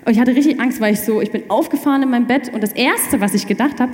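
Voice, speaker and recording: A young woman telling her faith story in casual chat, animated and quick to restart her sentences. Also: on the high side. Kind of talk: personal testimony in casual chat. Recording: echoey room with long reverb.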